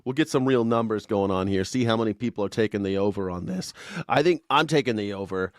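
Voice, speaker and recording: A man's voice: lowish voice, fast, no echo, clean studio sound. A man in his forties hosting a live stream, ranting sarcastically about the news with swearing, and reading out chat comments. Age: 40s. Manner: sarcastic, profane and rambling, reads chat comments aloud. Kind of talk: casual political comedy rant.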